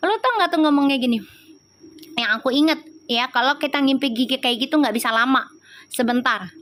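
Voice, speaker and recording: A woman with a Betawi Jakarta accent talks in a high, bright register as she streams live as a tarot reader. She chats in a loose, slangy way and calls out to viewers by name. A faint hiss of noise sits under her voice. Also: a little fast. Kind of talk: casual live-stream chat.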